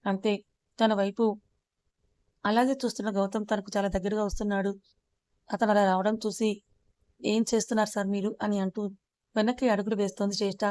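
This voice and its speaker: Calm woman reading a storybook aloud. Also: mid-range voice, brisk, long pauses, no room sound. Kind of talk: scripted narration of an audio story.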